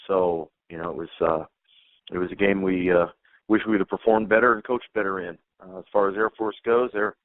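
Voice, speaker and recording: Male head coach, very low voice, dry phone-line sound, plainspoken q&a. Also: no room sound. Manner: plainspoken, repeats words and restarts. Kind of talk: teleconference Q&A.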